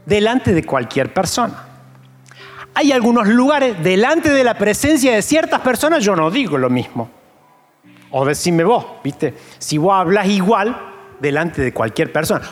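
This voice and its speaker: Argentine male preacher, high voice, emphatic sermon with pleading questions, long church reverb over soft music. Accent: Argentine Spanish. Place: church sanctuary.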